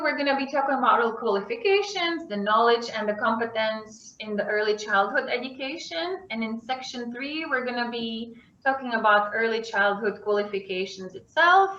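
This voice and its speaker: A woman's voice: on the high side, pushed and bright. A woman moderating an online webinar, introducing the agenda and the panel, with hesitant fillers. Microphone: video call. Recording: echoey, slightly dull video call audio.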